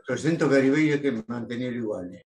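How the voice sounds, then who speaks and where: A man takes part in a Bible study. He asks questions and teases in a relaxed, informal way, with an ordinary mid pitch. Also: quick pace.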